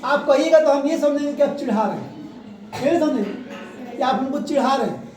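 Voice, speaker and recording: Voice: high-pitched, moderate pace, a little mellow. A teacher leading a grammar revision lesson, asking the class questions and repeating the key answers. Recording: echoey room, voice from far off.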